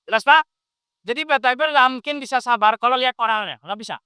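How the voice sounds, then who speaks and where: A preacher in full flow, teaching a live audience with a steady stream of questions. His voice is bright and crisp, and the recording is dry and close. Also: extremely high pitch, fast, no echo. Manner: animated, quizzes the audience with questions. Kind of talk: lively interactive sermon.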